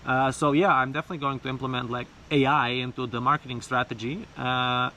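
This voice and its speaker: A man talking casually and haltingly in an unscripted personal vlog, repeating words and speaking informally, outdoors. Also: medium pitch, steady tone, sharp tone, slight background noise. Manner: informal, sprinkled with swearing and bro. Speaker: vlogger. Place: outdoors, bathing in a river.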